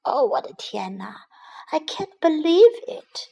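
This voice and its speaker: A woman voicing a boastful male rabbit in a children's story, saying each line slowly in English and then again in Chinese. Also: sits high, very animated, vocal fry, dark tone, voice pushed up, full character voice. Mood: startled.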